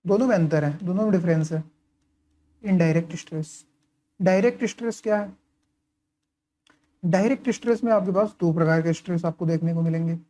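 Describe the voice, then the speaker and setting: A male engineering tutor talking through course material in a relaxed, conversational lecture. His voice is mellow and dark, and he keeps tossing out questions that he answers himself, dotting his explanation with quick check-ins as he marks up his notes. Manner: writes and highlights while talking.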